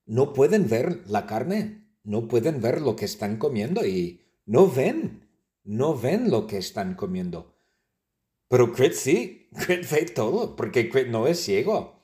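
A man telling a silly story for language learners in simple, repeated phrases. He speaks slowly and clearly, and his pitch moves up and down a lot. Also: big pitch swings, dark tone. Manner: simple repetitive phrasing, playful.

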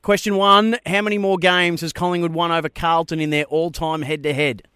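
A man's voice: fairly high pitch, little pitch movement, a little fast, bright, forceful tone, clean tone, no echo. An Australian man presenting a live sports talkback show and quiz on radio, close on a studio microphone.

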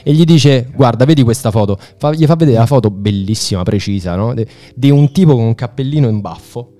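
A man's voice: mid-range voice, expressive, brisk, mellow. A man telling a story to friends in an emphatic, informal way, acting out dialogue and repeating words. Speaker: podcast host recounting a TV series.

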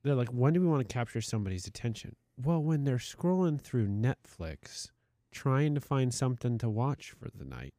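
A man co-hosting a podcast in an indoor studio, chatting casually at a middle pitch. He talks in long animated runs and jumps up high to mock clickbait. The sound is dry and close. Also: normal speed, dry recording. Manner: animated, mocks clickbait in high put-on voices. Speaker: podcast co-host.

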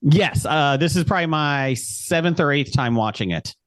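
A man's voice: fairly high pitch, lively intonation, moderate pace. A man guesting on a casual movie-review podcast, with a dry, wry humor.

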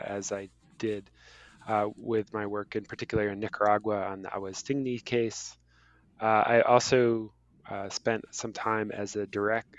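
A man speaking as a guest professor in an interview, measured and full of "uh" pauses. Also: fairly low pitch, no echo. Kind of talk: casual interview talk. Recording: dull lo-fi sound.

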